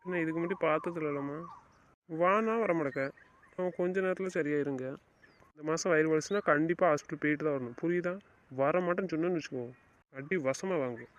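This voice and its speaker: Brief: man as a stern young husband, quick clipped orders, muffled lo-fi audio. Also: on the high side, natural voice. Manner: brisk, bossy, gives orders. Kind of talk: family web-series drama acting.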